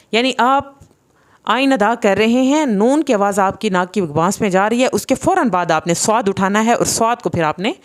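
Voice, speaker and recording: A woman teaching Quran recitation in a patient, explanatory way, drawing out letter sounds slowly. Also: mid-range voice. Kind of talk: tajweed lesson.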